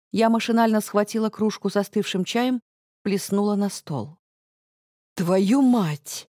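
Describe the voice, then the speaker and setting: Audiobook narrator: female, steady first-person storytelling, higher voice. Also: no echo, clean studio sound.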